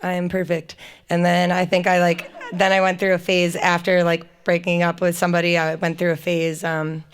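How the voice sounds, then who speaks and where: Woman singer-songwriter, casual stage banter, self-mocking, slightly low voice. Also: completely flat delivery, normal speed, hardly any pauses, clear, resonant tone. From United States. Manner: self-mocking, playful, chatty. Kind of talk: casual onstage chat between songs. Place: live music venue with audience.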